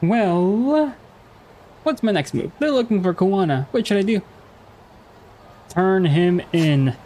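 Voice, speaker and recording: A man's voice: sits high, lively intonation, takes it slowly, mellow, a little hiss or hum. A man giving casual let's play commentary as he reacts to a video game. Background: video game music.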